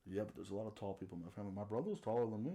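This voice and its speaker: A man's voice: on the low side, expressive, racing, mellow. A young man as a podcast guest, easygoing and chatty, saying "like" and "dude" a lot. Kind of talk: casual chat.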